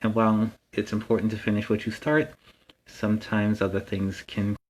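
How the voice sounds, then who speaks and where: A man plays Spider-Man as a friendly masked superhero hosting a children's story time. The voice sits fairly low, and he rambles along casually, explaining things in simple words. There is some noise in the background of the recording. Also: little pitch movement, normal speed, natural voice. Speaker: host of a story time series.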